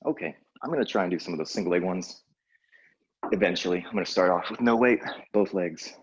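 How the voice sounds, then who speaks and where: Husky male aerobics instructor. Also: sits low, fairly quick, dull audio. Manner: aerobics instructor style, short encouraging cues and counts; casual, exerting himself while demonstrating. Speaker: fitness instructor. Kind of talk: live workout coaching with countdowns.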